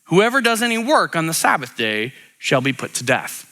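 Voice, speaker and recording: A man preaching a conversational sermon, animated and acting out the voices he quotes. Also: on the high side, normal speed. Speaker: pastor.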